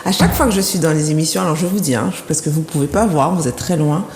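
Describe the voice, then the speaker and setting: A woman's voice: deep voice, fast. A woman hosting an interview, chatty and playful, repeating herself as she talks. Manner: warm, chatty, playful teasing with repeated words. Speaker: talk show host. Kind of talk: casual interview. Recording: echoey room with faint background noise.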